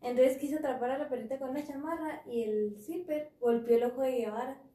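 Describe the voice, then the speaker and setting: A woman's voice: sits high, fairly quick, warm tone. A woman with a Mexican accent frankly sharing work and home stories in slangy casual chat. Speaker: podcast co-host. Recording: echoey room.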